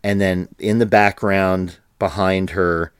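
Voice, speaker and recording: Low, slow-talking man on a podcast. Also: steady tone, clean tone, no room sound, clean studio sound. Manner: laughs often, many fillers and restarts. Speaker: podcast co-host. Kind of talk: casual chat.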